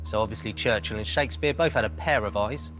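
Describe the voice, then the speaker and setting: A man's voice: lowish voice, quick pace. A man competing on a quiz show, hesitantly thinking aloud as he works towards an answer. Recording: TV quiz with background music.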